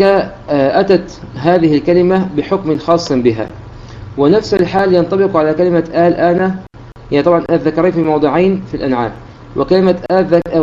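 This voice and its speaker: A man's voice: a little high, warm tone. A man teaching Quran recitation rules in an explanatory lecture, methodical and restating his terms as he goes. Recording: dull lo-fi recording with faint hiss.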